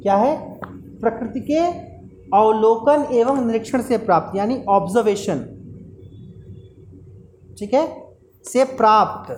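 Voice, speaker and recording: A woman's voice: a little high, unhurried, long pauses, a little mellow, slight background noise. Hindi-speaking woman teaching linguistics. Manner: explains step by step, repeats key terms, asks rhetorical questions. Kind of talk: classroom lecture.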